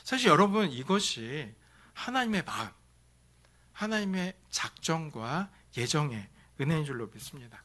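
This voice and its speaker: A male pastor delivering a Sunday sermon in a bright, forceful voice that sits a little high for a man. He stresses key phrases with repetition, building up loud and then dropping to near-hushed lines. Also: sing-song, moderate pace. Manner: preaching with repeated stress and swings between loud and hushed delivery.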